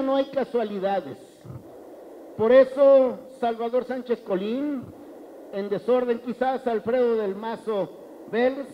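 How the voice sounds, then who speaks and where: A man's voice: very high voice, highs cut off, a little hiss or hum. A middle-aged Mexican man giving an emphatic political speech with a handheld mic in a large banquet hall, repeating phrases for effect. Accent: Mexican Spanish.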